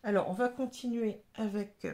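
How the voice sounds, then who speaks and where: A woman giving a casual tarot reading, talking in halting phrases with many fillers and restarts. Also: mid-range voice, fairly even intonation, dark tone. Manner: halting, full of "hein" and "vous voyez", restarts. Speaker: tarot reader.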